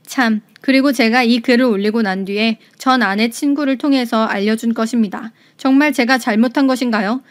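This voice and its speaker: A woman's voice: a little high, brisk, few pauses. A woman narrating a reader's story in a scripted, storytelling way.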